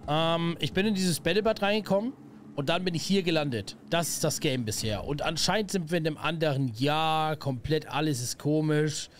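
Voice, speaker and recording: A young man commentating a horror game live, excitable and slangy, greeting viewers. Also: fairly high pitch, normal speed, a little hiss or hum. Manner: excitable, slangy, yelps at scares. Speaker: gaming streamer. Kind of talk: let's play commentary.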